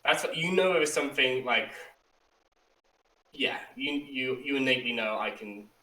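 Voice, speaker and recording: A man explaining the rules as game master of a tabletop game, in a measured way. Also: medium pitch, expressive, bright, forceful tone, reverberant, recorded from a distance, rough recording.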